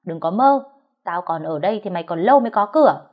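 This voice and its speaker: A woman voicing a spiteful young woman, a demoted concubine, who scolds and sneers in a high, shrill voice in a storytelling audiobook. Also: lively intonation, fairly quick, highs cut off, lightly acted. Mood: contemptuous.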